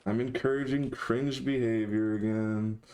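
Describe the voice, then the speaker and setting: A man's voice: mid-range voice, steady tone, unhurried, a little mellow. A man chatting casually on a live stream, talking to his chat in a dry, sarcastic way.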